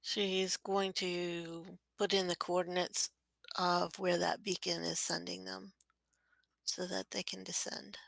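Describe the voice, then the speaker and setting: Slow, creaky-voiced woman playing tabletop RPG. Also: lowish voice, level tone, a bit bright, no room sound. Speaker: tabletop role-playing player. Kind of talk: casual tabletop game play, describing her character's actions.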